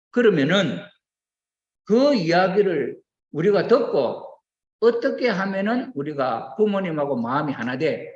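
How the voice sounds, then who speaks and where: An older man preaching a sermon, questioning his listeners and acting out quoted voices as he goes. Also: sits high. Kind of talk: sermon to a congregation. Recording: roomy, dull lo-fi recording.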